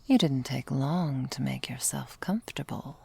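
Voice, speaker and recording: A woman voices an ancient vampire girlfriend, drowsy, possessive and loving, in a breathy, soft ASMR roleplay recorded dry and up close. Her rumbling low delivery is exaggerated and measured, languid and teasing, using formal, antiquated wording. The mood is wry and teasing.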